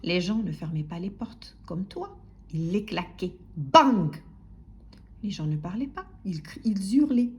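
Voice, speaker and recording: A woman narrating a children's story aloud in an expressive, soft-spoken way, sometimes dropping to a whisper. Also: medium pitch, moderate pace.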